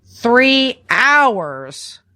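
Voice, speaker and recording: A woman podcast host with a fairly high, bright, forceful voice speaks very slowly yet very animatedly. She works through survival tips from her notes in an informal, instructive way, often checking in with a "right?"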